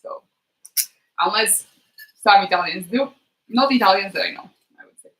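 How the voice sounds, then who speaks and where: A woman chatting casually to her live stream while she cooks, thinking aloud in a halting way and trailing off. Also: medium pitch, a bit bright. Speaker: streamer hosting a live cooking chat. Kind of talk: casual chat while cooking. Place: kitchen, next to the sink. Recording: noisy kitchen with clicks. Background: cooking noises and clicks.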